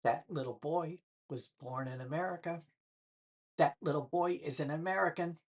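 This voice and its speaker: A woman's voice: low-pitched, normal speed, breathy edge. An older woman speaking straight to her viewers, firing pointed rhetorical questions with a sarcastic edge. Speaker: political vlogger. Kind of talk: direct-to-camera commentary.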